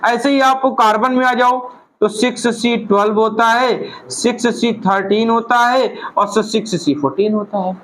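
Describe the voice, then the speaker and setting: A man teaching a physics class, talking slowly to his students and calling them "beta", asking questions and then answering them himself, often repeating key terms. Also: very high voice, steady tone, a bit bright, a little hiss or hum, poor audio. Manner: repeats key terms slowly, mixing English phrases into Hindi. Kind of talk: classroom lecture.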